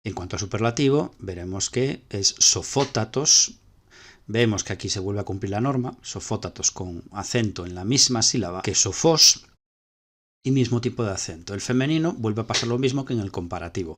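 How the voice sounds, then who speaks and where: A man's voice: lowish voice, quick pace, few pauses. A man with a Spanish accent teaching ancient Greek grammar step by step, repeating key points as he explains slides.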